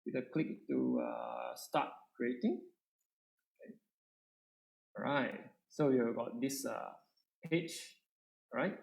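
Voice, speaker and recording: A man with a Malaysian accent teaching an informal coding lesson, switching between English and Malay, halting and often checking that listeners follow. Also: medium pitch, huge pitch swings, gravelly. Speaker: coding workshop instructor. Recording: echoey room, faint background noise.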